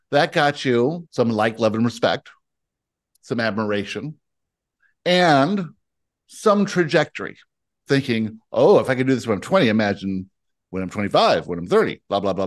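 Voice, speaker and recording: A man acting as a spiritual teacher in a guidance session. He speaks as a collective "we" and works through slow, emphatic lists. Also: medium pitch. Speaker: spiritual teacher answering questions.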